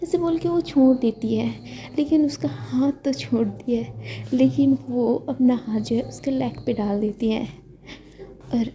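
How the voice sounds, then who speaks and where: A woman telling a story in a casual, chatty way, with a rather high voice. She often stops to correct herself mid-sentence and keeps the narration loose and conversational. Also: unhurried, dark tone. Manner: chatty, frequent self-corrections.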